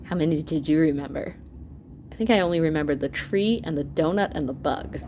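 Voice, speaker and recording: A teacher reads an educational book to her students in a low, brisk voice, with background noise present. She delivers it expressively and animatedly, peppering the reading with asides and exclamations aimed at her listeners.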